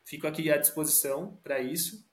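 A man's voice: fairly high pitch, a little fast. A Brazilian man speaking as a podcast guest in a casual, reflective conversational way. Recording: roomy echo.

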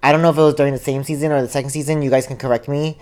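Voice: mid-range voice, steady tone, rapid-fire, darkish tone. A young adult co-hosting a podcast in casual chat, rambling with lots of "like" and "um". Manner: rambling, heavy on "like" and "um". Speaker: podcast co-host. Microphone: podcast studio mic.

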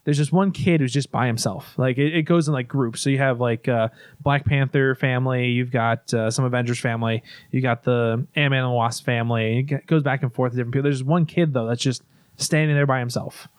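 A man's voice: medium pitch, steady tone, brisk, dry recording, clean studio sound. A man casually recapping a movie in long, rambling stretches, restarting often and swearing now and then.

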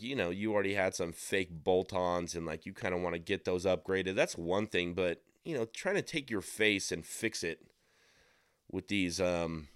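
A man's voice: fairly low pitch, fairly bright tone, no echo, clean studio sound. A man hosting a podcast, giving a rambling, sarcastic, casual monologue with lots of filler words. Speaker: podcast host.

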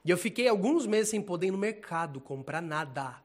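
A man preaching an informal sermon in a casual, animated, slangy way, laughing often. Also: high-pitched, a little fast.

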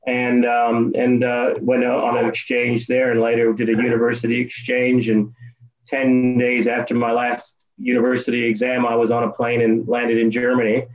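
Speaking as a guest in a casual call interview, an American-born man in his fifties answers hesitantly, restarting often and filling pauses with ums. His mid-range voice is monotone at normal speed, the audio sounds dull, and soft music plays in the background.

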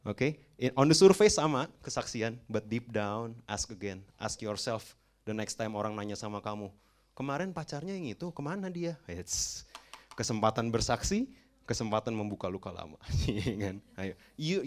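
Lively bilingual preacher man. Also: fairly low pitch, unhurried. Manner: lively, mixes English phrases, asks the audience questions. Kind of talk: sermon.

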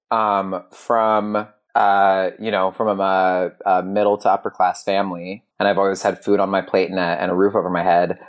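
A man co-hosting a podcast, talking in a rambling, casual way and often restarting his sentences. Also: fairly low pitch. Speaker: podcast co-host. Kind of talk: casual chat.

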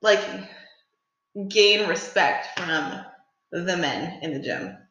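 A woman's voice: on the low side, animated, slow pace, a bit bright, a little hiss or hum. A young woman co-hosting a podcast in casual chat, blunt and swearing freely, with frequent laughs. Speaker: podcast co-host, Muay Thai athlete. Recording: very echoey, dull lo-fi room sound.

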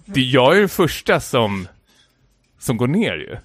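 Man, casual podcast storyteller, rambling with fillers, mid pitch, close dry mic. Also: big pitch swings, dry recording. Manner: rambling storyteller, heavy filler words, stumbles and restarts. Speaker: podcast co-host telling a story. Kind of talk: casual chat, anecdote.

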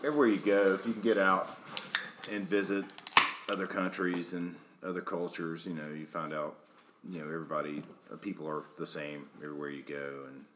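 Very deep-voiced man host, roomy sound. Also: little pitch movement, fairly quick. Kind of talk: casual chat. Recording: roomy echo with faint noise.

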